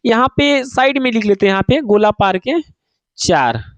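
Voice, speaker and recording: Male Hindi tutor, very high pitch, dry close sound, drills students with repeated questions. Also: big pitch swings, normal speed, fairly bright tone, no echo, lo-fi sound. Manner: asks students questions and answers them himself; calls students "babu", repeats key points. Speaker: Hindi teacher. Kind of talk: online exam-prep class.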